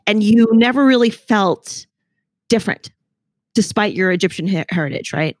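Woman, host, conversational, probing questions, mid pitch, dry sound. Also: expressive, normal speed, no echo. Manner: engaged, probing, conversational with frequent affirmations. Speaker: podcast host. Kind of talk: interview conversation.

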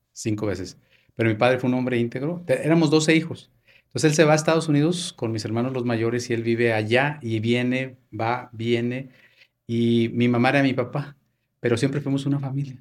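A Mexican man in his fifties, a podcast guest telling family stories in casual conversation and acting out old dialogues. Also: medium pitch. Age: 50s. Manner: storytelling, reenacts family dialogue. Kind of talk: casual interview chat.

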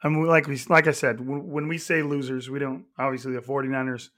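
A young man with a hoarse, croaky voice, still recovering from losing it, co-hosting a casual sports podcast and rambling between ad reads. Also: medium pitch, level tone, fairly quick, a bit bright. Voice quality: croaky, nasal. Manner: rambling, self-interrupting. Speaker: podcast co-host. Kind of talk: casual sports podcast chat, reading ads.

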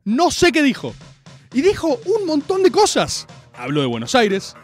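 A man's voice: extremely high pitch, huge pitch swings, unhurried, faint music behind. A man with an Argentine accent, hosting a stream and ranting comically and sarcastically to his audience. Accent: Argentine Spanish. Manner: exasperated, sarcastic, mimics crowd screams.

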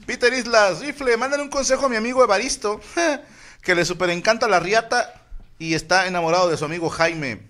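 High-voiced Mexican man reading shout-outs. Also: brisk. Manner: crude joking, reads shout-outs aloud. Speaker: podcast host reading listener messages. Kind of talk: casual group banter.

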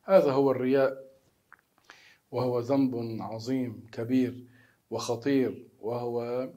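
A man with a Levantine Arabic accent, a religious scholar giving measured, emphatic answers to questions. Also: medium pitch, fairly even intonation, dark tone. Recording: echoey room, distant mic.

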